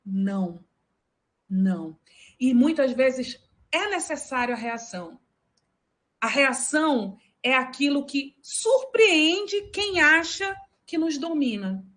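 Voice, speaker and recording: A woman's voice: sits high, expressive, slow pace, fairly bright tone. A woman, speaking with passion and emphasis as a panelist in a live discussion. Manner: impassioned, emphatic.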